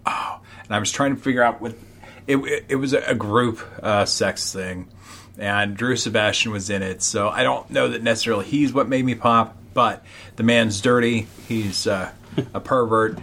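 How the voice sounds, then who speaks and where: A man's voice: fairly low pitch, moderate pace, vocal fry, pushed and bright. A man co-hosting a podcast with blunt, crude casual banter. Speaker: podcast co-host. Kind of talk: casual chat.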